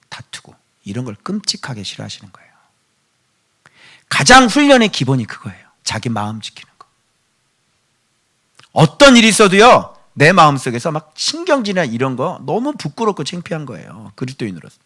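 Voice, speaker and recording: Middle-aged pastor preaching hard, bright sharp voice, goes from whispering to shouting, keeps firing questions at the church. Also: male voice, on the high side. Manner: swings from hushed whispers to loud impassioned pleading; asks the congregation rhetorical questions. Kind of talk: sermon.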